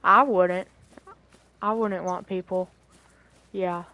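A woman's voice: lowish voice, fairly even intonation, slow pace, bright, forceful tone. A woman chatting casually outdoors at dusk on a hunt, teasing and sarcastic. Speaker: hunting companion. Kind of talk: casual chat while hunting.

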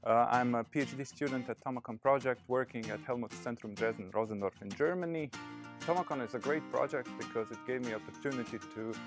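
A man's voice: mid-range voice, quick pace, over music. A young man speaking as a PhD student in an interview, earnest with simple phrasing.

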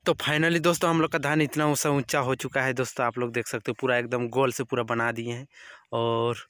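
This is casual outdoor vlog narration from a young man in open farm fields, recorded on a phone selfie camera at arm's length yet sounding studio quality with no echo. He speaks a little fast, medium-pitched and fairly bright, with little pitch movement. Chatty throughout, he treats his viewers as friends.

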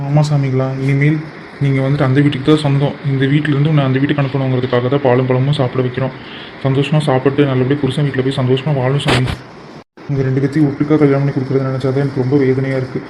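A man doing a gentle tearful cartoon father. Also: medium pitch, flat delivery, racing, background noise, natural voice. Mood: sad. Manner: soft, pleading, consoling. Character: gentle emotional father marrying off his daughters. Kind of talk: cartoon voice acting. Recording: muffled lo-fi recording.

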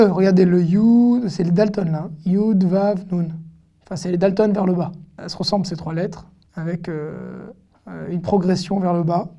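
Slow, mellow-voiced woman teaching a lesson. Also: mid-range voice. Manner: patient, repeats each word syllable by syllable. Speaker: Hebrew teacher. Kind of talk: online language lesson.

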